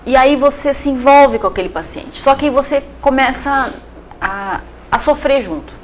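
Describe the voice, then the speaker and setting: A young Brazilian woman psychiatrist is a guest in a casual interview, explaining things chattily with everyday examples and many fillers. She has a Brazilian Portuguese accent and a high voice at a moderate pace, and the audio is poor, with a little hiss or hum.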